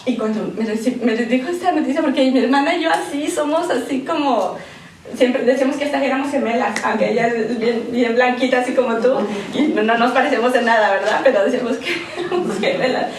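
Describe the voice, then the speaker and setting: A woman speaks to a women's church gathering, weaving scripture into a heartfelt personal story. Her fairly high voice swings between loud emphasis and soft, emotional tones. It carries from a distance through a very echoey hall with faint noise. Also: brisk. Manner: conversational, tag questions, repeats words for emphasis. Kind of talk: sermon with personal testimony.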